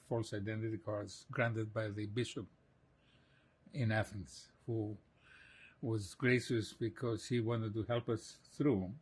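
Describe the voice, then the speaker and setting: Older man from Greece, 80s, husky, unhurried oral-history interviewee. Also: lowish voice. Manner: slow, reflective, with soft laughs.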